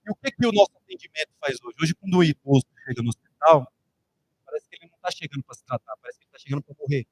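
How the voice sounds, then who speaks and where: A male preacher with a Brazilian Portuguese accent delivers a sermon woven with personal stories. His voice sits high for a man, and he often circles back on the same words and phrases. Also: very animated, rapid-fire, slight background noise, poor audio.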